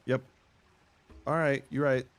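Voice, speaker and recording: A man's voice: mid-range voice, little pitch movement, takes it slowly. A man hosting a let's play, giving casual, teasing commentary as he plays. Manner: playful, teasing, wry asides.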